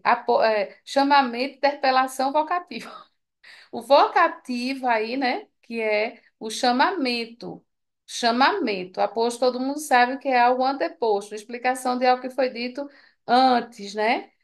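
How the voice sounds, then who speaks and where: Woman teacher, tired, high gravelly voice, chatty exam walkthrough. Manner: chatty, asks students for confirmation. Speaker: Portuguese teacher. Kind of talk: exam correction lesson.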